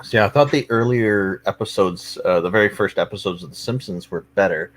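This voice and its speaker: Man, stream host, lowish voice, short quips, frequent laughs. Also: fairly quick. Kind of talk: casual chat.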